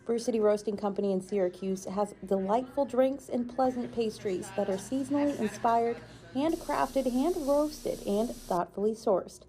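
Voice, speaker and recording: A woman's voice: fairly high pitch, moderate pace, warm tone. A woman reporter reading a scripted news feature voice-over in an upbeat, playful way.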